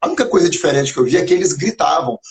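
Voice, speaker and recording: Racing along with a slightly high voice, this gravelly mineiro teacher spins lively stories as a live-stream guest, performing the dialogue he remembers. The chat is casual, and the audio comes through a phone or computer mic on a video live stream from Minas Gerais, Brazil.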